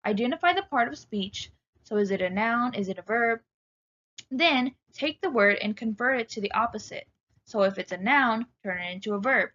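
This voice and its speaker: A woman giving a recorded writing lecture, speaking clearly and instructively and addressing students directly. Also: mid-range voice, fairly bright tone, dull audio.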